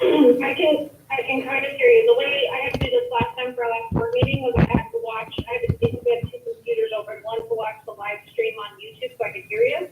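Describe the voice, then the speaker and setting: A woman's voice: very high-pitched, big pitch swings, quick pace, gravelly, hardly any pauses, noisy background. A woman joining a board meeting remotely by video call, explaining in a chatty way with restarts, heard through a room speaker as distant, echoey audio. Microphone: video call played through a room speaker.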